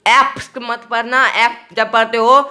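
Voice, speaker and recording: A man's voice: very high-pitched, flat delivery, unhurried, sharp tone, smooth. A man teaching English pronunciation in a casual online video lesson, explaining in a playful, repetitive way and mixing Hindi with English.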